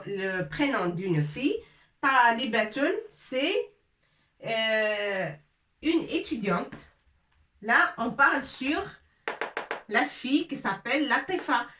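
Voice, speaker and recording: Slow, bright-voiced woman teaching a class. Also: on the high side. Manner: slow, repetitive, drills words aloud. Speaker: Arabic teacher. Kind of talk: classroom grammar lesson. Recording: echoey room, voice from far off.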